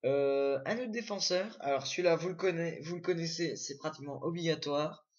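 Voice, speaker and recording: A man's voice: fairly high pitch, a little fast, highs cut off. A young man casually commenting on his own screen recording, full of fillers and self-corrections. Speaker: gaming video creator.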